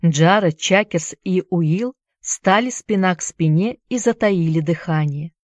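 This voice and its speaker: A woman with a fairly low voice reads a story aloud at a steady pace. She is recorded close to the microphone. The sound is dry and dead, with no room echo. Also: measured pace. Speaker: audiobook narrator. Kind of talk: scripted narration.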